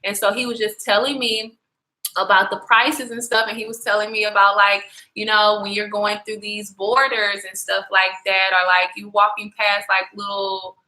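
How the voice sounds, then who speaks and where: A woman's voice: mid-range voice, level tone, normal speed, sharp tone, rough recording. A young woman chatting casually on a travel livestream, slangy and profane, talking straight to her viewers. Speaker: travel vlogger.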